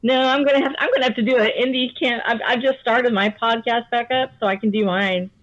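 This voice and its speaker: A woman's voice: on the high side, steady tone, a little fast, fairly bright tone, no echo. A woman chatting casually as a guest, laughing often and stumbling over her words. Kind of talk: casual chat. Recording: dull lo-fi sound.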